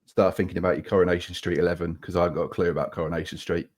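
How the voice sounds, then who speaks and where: A man's voice: low-pitched, flat delivery, rapid-fire. A man with a Norfolk accent chatting casually and jokily as a podcast host. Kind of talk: casual joking chat.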